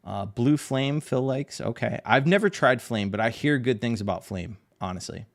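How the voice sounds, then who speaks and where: A man's voice: mid-range voice, expressive, normal speed. A man streaming his art live, chatting casually and answering viewers' questions in a rambling, laid-back way. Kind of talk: casual live-stream chat while drawing.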